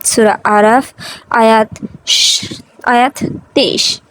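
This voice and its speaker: A woman reading a scripted religious story in a measured, earnest storytelling manner. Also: a little high, fairly even intonation, slight background noise, low-quality recording.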